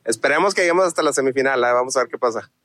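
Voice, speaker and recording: Male football fan, bright, cheerful. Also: mid-range voice, racing. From Ciudad Juárez, Mexico. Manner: cheerful, upbeat. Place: outdoors on a city street.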